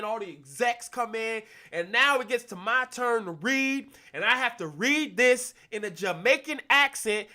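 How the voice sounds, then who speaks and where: Young man, casual storytelling, lively swooping pitch, bright tone. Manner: animated, acts out quotes with big pitch jumps. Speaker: actor telling stories on a talk stream.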